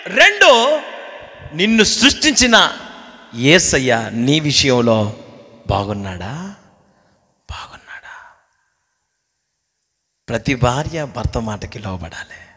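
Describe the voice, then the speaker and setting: A male pastor preaching with call-and-response, swinging between loud shouts and hushed whispers, and calling on the congregation to repeat after him. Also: medium pitch, big-room sound. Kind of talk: Telugu sermon with call-and-response.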